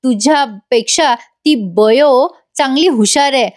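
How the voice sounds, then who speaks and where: A woman voicing a sharp-tongued, scheming older aunt who scolds and insults. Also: high-pitched, slow pace. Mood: scolding.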